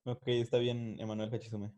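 A young man with a Mexican Spanish accent, making quick slangy wisecracks in a casual podcast chat. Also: mid-range voice, level tone, dark tone. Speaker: podcast co-host. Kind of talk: casual chat among friends.

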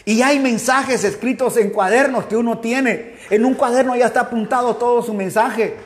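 A man's voice: extremely high pitch, steady tone, moderate pace. A man pastor with an Ecuadorian accent, preaching a fervent sermon and calling his listeners "brother" again and again. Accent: Ecuadorian Spanish. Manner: fervent, repeatedly addressing listeners as "hermano". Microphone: livestream mic.

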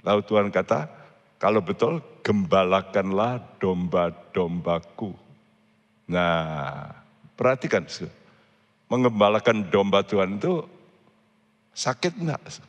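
A man's voice: low-pitched, slow pace, long pauses, long reverb tail, lo-fi sound. A man preaching a sermon, earnestly and often addressing the congregation directly. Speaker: pastor.

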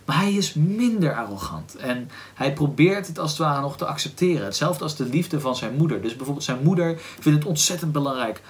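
A man with a Dutch accent hosting a book podcast, talking casually and thoughtfully, often pausing to search for words with "ehm" and restarts. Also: on the high side, animated. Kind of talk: casual book discussion with read-aloud passage.

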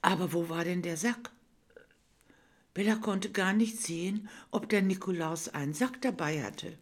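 A woman reading a children's story aloud in a calm, gentle storytelling manner. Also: lowish voice, measured pace.

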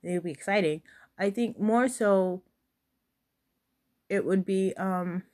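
A woman's voice: medium pitch, takes it slowly. Chatty woman chef telling kitchen stories. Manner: chatty, animated when quoting others. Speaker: podcast host and chef. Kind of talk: casual storytelling monologue.

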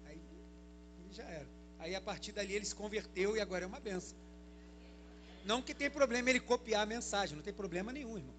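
High-voiced pastor preaching conversationally. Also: male voice, animated, fast talker, noisy background. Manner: conversational preaching, frequent "né?" tag questions. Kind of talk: sermon. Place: church hall.

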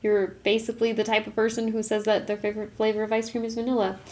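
Lively young woman podcast co-host. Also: fairly high pitch. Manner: lively, quick to laugh, playful outro. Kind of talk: casual podcast chat.

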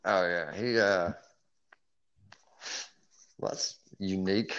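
A man's voice: low-pitched, takes it slowly, fairly bright tone, dry recording. A man co-hosting a casual podcast, joking and playful, laughing often. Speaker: podcast co-host. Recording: dull lo-fi sound.

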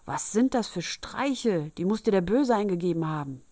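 A woman's voice: deep voice, expressive, normal speed, a little mellow, no room sound. A woman voicing an exasperated, stern old father in a fairy tale reading, scolding emphatically.

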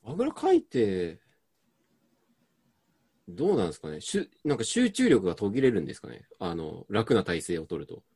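A man with a fairly low, husky voice and a very lively pitch range co-hosts a casual comedy chat. He is easygoing, backs up his partner with short replies and slips in dry asides of his own. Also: moderate pace, long pauses. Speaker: co-host.

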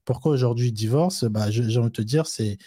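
A fast-talking man with a dark, mid-range voice co-hosts a live discussion show, recorded dry at studio quality. He rambles with plenty of fillers and restarts, explaining ideas through everyday examples.

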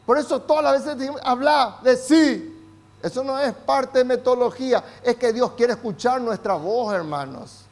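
A male pastor with a very high, light voice, preaching with fervor. He drops to quiet, close asides with the congregation, then climbs into loud, impassioned prayer. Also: moderate pace. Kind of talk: sermon.

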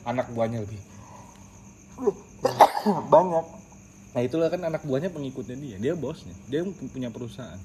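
A man who leads a casual Quran study group, talking in a lively way, slipping in English words and calling his listeners by their nicknames. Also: medium pitch, moderate pace, long pauses, background noise. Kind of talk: casual religious study talk.

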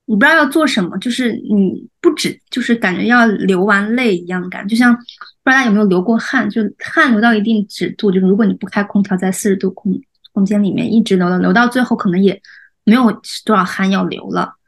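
A woman co-hosting a podcast who recounts a memory emotionally, halting and searching for words. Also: mid-range voice. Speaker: podcast co-host. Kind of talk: podcast conversation.

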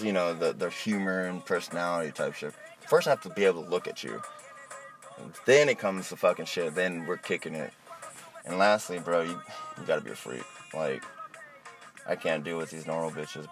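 A man's voice: sits low, normal speed, music in the background. A man talking like a frat bro in a casual podcast chat, slangy and profane. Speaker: podcast host.

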